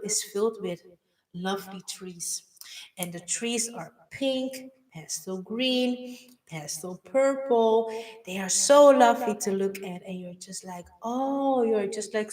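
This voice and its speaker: A woman's voice: mid-range voice, far from the mic. A woman leading a guided visualization in a dreamy, gushing way, full of fillers. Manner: dreamy, gushing, talks with many "like"s. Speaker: meditation guide.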